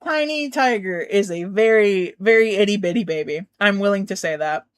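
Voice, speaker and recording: A woman's voice: medium pitch, expressive, normal speed, smooth, no echo, studio quality. A woman hosting a casual stream, chatting and ranking characters, rambling, giggling and swearing freely. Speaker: streamer host.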